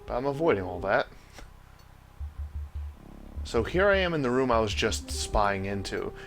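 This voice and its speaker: A man's voice: medium pitch, big pitch swings, unhurried, a bit bright, soft background music. A man hosting a let's play, giving casual commentary on a game. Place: voice-over on game footage.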